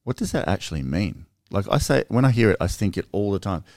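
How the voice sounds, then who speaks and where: A low-pitched man talks through his ideas in a relaxed podcast chat, earnest and animated, often restarting mid-sentence. The sound is dry and close, with no room around the voice. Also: fast, no room sound. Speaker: podcast co-host. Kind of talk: casual conversation.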